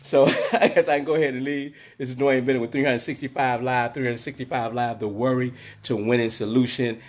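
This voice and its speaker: A man who is under the weather, his voice rumbling, hosts a casual motivational live stream from inside his closed hair salon, talking into a phone. He rambles and repeats himself, with many fillers. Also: steady tone, fairly quick. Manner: rambling, repetitive pep talk with many fillers.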